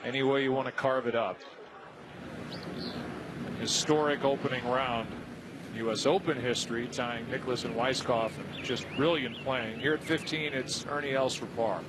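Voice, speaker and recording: A man's voice: medium pitch, steady tone, normal speed. Clipped male golf commentator, noisy outdoor broadcast. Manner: clipped, declarative phrases. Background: loud outdoor ambience.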